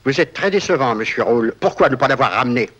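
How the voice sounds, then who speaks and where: A man's voice: mid-range voice, animated, fast, fairly bright tone. An actor playing a stern father who curtly reproaches others in a 1970s film drama. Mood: stern, reproachful. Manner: curt, reproachful. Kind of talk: 1970s French-language film drama acting.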